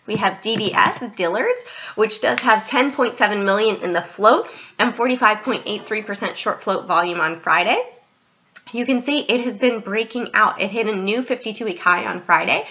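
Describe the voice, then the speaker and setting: Speaking at a moderate pace in a mid-range voice, a woman hosting a trading channel gives chatty commentary over her screen. She addresses viewers directly and corrects herself frequently, her voice stuffy and a bit scratchy from allergies but bright and forward, in a dull, lo-fi recording.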